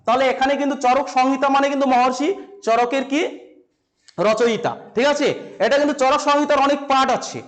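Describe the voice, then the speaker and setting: A man gives a lesson in a very high voice. He asks questions and answers them himself. He repeats each key term slowly so his students can follow. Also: steady tone. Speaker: teacher. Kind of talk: classroom-style lesson to camera.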